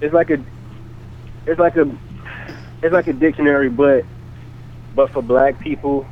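A man calling in over the phone, talking in a casual, halting way that repeats words and leans on fillers. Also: a little high, steady tone. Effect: heard over a phone line. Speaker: caller pitching his book. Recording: tinny phone line with faint hiss.

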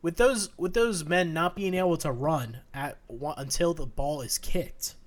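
A young man co-hosts a sports podcast in relaxed, everyday chat. He stops and restarts his sentences often and leans on fillers. His voice sits slightly high for a man. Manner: halting, many restarts and fillers. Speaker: podcast co-host.

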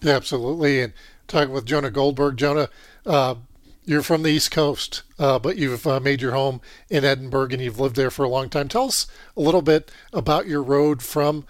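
A man's voice: mid-range voice, normal speed, dry recording. Easygoing male interview host, dry sound. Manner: easygoing, brief acknowledgments. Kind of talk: radio interview.

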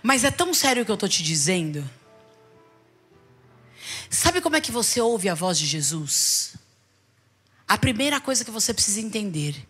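A middle-aged Brazilian woman bishop preaching to a congregation, animated, with rhetorical questions and calls for the people to repeat after her. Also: medium pitch, husky. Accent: Brazilian Portuguese. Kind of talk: sermon.

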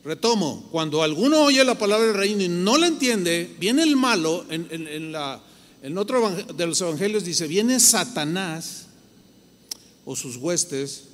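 Mexican male pastor, conversational sermon, high-pitched, long church reverb. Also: expressive, unhurried, a bit bright. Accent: Mexican Spanish. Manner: conversational preaching, acts out listeners' voices. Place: large church hall.

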